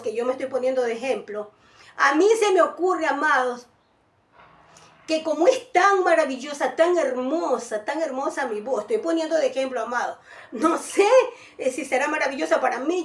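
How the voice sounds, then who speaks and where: A woman's voice: high voice, reverberant, distant mic. A woman preaching a sermon, often calling her listeners beloved, with many restarts as she explains. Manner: calls listeners "amados" often, restarts and fillers.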